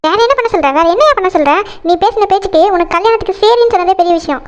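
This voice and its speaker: A fiery young cartoon bride, voiced by a woman, very high-pitched and rattling off sharp retorts at speed. The sound is dull and lo-fi. She scolds rather than chats. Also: rapid-fire. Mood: scolding.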